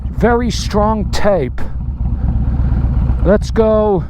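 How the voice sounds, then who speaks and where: A man's voice: high voice, extremely slow. A man talks casually and wryly from inside a motorcycle helmet, vlogging as he travels. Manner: wry, self-deprecating. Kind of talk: casual travel vlog narration to camera. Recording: noisy outdoor vehicle and wind noise.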